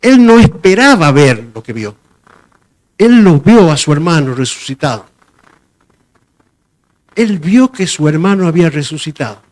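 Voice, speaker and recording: A man's voice: on the high side, big pitch swings, measured pace, long pauses, a little mellow. A man giving a sermon in a conversational way, often repeating phrases and stopping to search for words. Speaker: preacher.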